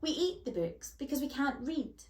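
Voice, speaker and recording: A brave female bookworm speaks slowly and with grave drama, as a woman reader puts her on. Her words stretch out, weighty and serious. The sound is roomy. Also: a little high. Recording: roomy echo.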